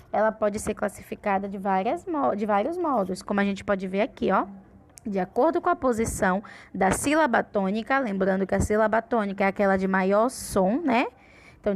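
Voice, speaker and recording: A woman teacher giving a patient grammar lesson, saying her example words slowly and clearly. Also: on the high side.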